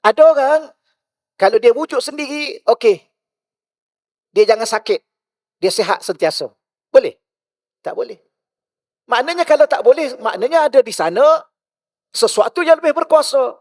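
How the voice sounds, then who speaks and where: Animated Malaysian ustaz, high voice. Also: male voice, normal speed, long pauses, no echo, clean studio sound. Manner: lively, rhetorical questions, swings between loud and hushed. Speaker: religious teacher. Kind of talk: mosque lecture.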